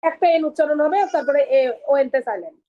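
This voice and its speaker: A woman's voice: high-pitched, animated, fast, lo-fi sound, slight background noise. A woman with a Bangladeshi Bengali accent, a student in an online class, eagerly checking pronunciation with her teacher.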